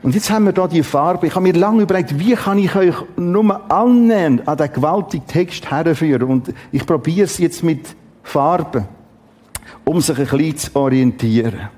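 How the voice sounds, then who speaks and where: A middle-aged man preaching a Bible teaching, dramatic and emphatic with exclamations and long pauses. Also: a little high, lively intonation, a little mellow.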